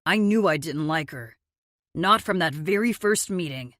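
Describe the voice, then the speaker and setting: A woman voicing a caring, loyal young man in an audiobook, speaking gently and reassuringly. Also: low-pitched, animated, moderate pace, no room sound. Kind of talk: audiobook character voice.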